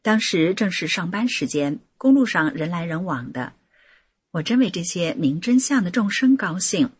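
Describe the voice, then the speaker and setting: Woman, very breathy husky voice, lively intonation, earnest scripted read-aloud. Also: lowish voice, normal speed, no echo. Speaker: article reader. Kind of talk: scripted narration of a personal account.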